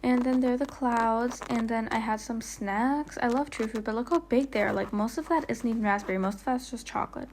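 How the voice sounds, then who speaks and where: Woman, casual vlog narrator, higher pitch, rambling and stuttery, faint background hiss. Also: a little fast, hardly any pauses, darkish tone. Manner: chatty, rambling, lots of "like" fillers; stumbles and stutters on words. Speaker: vlogger. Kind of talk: casual travel vlog voiceover. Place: voiceover, not recorded on location.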